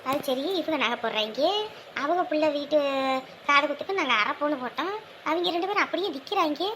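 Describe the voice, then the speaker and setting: Actress doing a really high, bright-voiced nosy granny, snide and mocking. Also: female voice, fairly quick, slight background noise. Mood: gossiping. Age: older. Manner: taunting, sarcastic. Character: sharp-tongued gossiping village grandmother. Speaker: mocking older relative. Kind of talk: village family drama acting.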